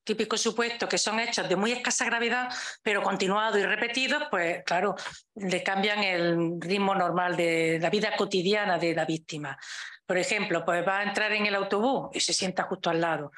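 A woman's voice: medium pitch, fairly even intonation, moderate pace, fairly bright tone. A woman with a Spanish accent giving a conference talk on law, explaining points with frequent rhetorical questions. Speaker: legal expert speaker. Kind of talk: conference talk over video.

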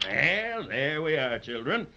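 A man's voice: on the high side, sing-song, slow, pushed and bright, exaggerated voice. An actor playing Santa Claus as a kindly, folksy, reassuring old man in a 1930s children's radio play. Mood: kindly, busy. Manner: avuncular, soothing, folksy. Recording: dull lo-fi 1930s radio recording.

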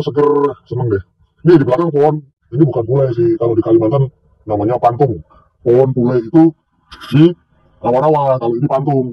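Vlogger, male, middle-aged, husky, sneering and taunting, self-shot outdoors, muffled lo-fi sound. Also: medium pitch. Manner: mocking, scornful, taunting with laughs. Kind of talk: casual rant to camera. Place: outdoors by a tree near a corn field. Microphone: self-recorded on a handheld camera or phone.

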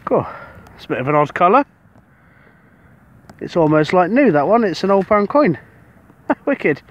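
A British man, a metal detectorist, giving casual commentary to the camera outdoors on a beach as he digs up each find and gets excited about it. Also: sits high, a little slow, muffled recording.

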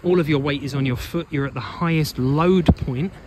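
On an open sandy beach, a running coach and blogger with a fairly high voice talks through an unscripted walking vlog at a moderate pace. He is instructive and emphatic, often repeating a phrase as he explains. Noisy beach ambience is clearly audible behind him.

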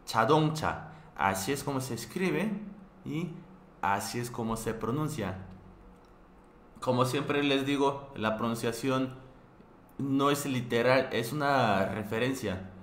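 A man from Korea, teaching a live online language class, patiently repeating words with frequent restarts and fillers. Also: mid-range voice. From South Korea. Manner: patient, repeats each word slowly several times. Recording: echoey room with faint background noise.

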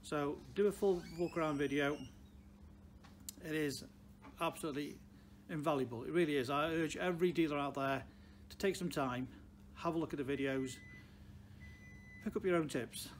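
Inside a large car showroom, with its ambience clearly audible, a man in his sixties speaks to camera as a car dealer. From Stoke-on-Trent, England, with a Potteries accent, he gives plain-spoken, unscripted advice with emphatic repeated phrases, in a slightly high voice at a moderate pace.

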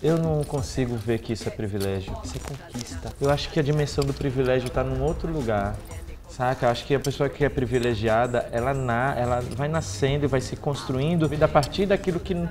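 A man, making a thoughtful, measured argument in a round-table discussion. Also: mid-range voice, music in the background. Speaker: actor and youtuber in a panel.

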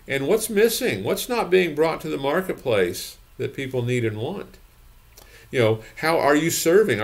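An older man in his sixties with a mid-range, creaky voice, a consultant for gym businesses, gives emphatic advice to the camera from his home office. He repeats his points and keeps checking in with "okay?" and "you know".

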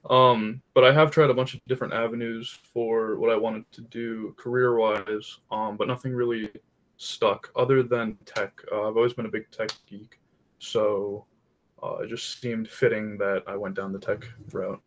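A man's voice: lowish voice, flat delivery, moderate pace. A man in his twenties from Florida, introducing himself and his project on a video call in a casual way, with uh and um fillers. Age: 20s. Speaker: student presenter.

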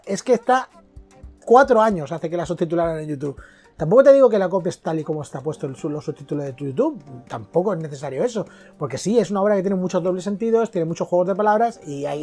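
Indignant ranting Spaniard over faint music. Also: male voice, a little high, warm tone. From Spain. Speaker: vlogger. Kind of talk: opinion rant to camera.

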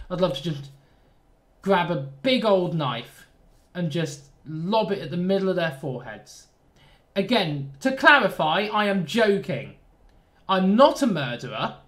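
A man's voice: a little high, fairly bright tone. Nasal southern english guy, rambly and self-mocking, chatting through a train sim. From southern England. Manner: rambling, self-deprecating, jokey asides. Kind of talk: casual gameplay commentary.

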